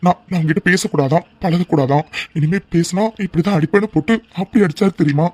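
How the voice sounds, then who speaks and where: A man's voice: fairly high pitch, quick pace, darkish tone, husky, no room sound. A man voicing a smug, scheming young cartoon villain. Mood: fake pleading. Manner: boastful scheming, turns falsely pleading. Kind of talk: cartoon serial dubbing.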